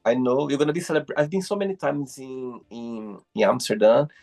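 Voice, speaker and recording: A Brazilian man in his thirties, a native Portuguese speaker with a Brazilian accent, hosts a casual interview and praises his guest effusively and repeatedly. His voice is medium-pitched, brisk, and a little mellow.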